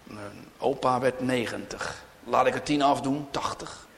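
A man preaching a sermon as pastor, fervently pleading, dropping to hushed whispers and rising to loud cries. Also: mid-range voice, measured pace, gravelly. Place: church. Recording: long reverb of a large hall.

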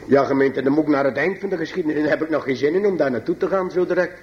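A man preaching to his congregation, slow and emphatic, swinging between high pleading passages and low quiet asides. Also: dull audio, a little hiss or hum. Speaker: pastor. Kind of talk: sermon.

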